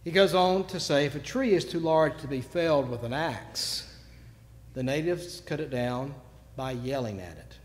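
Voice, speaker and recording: A man preaching a sermon, telling stories and moving between quiet asides and sudden loud bursts. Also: fairly high pitch, moderate pace. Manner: storytelling, swings from quiet to shouting. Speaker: pastor. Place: church sanctuary. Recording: long church reverb.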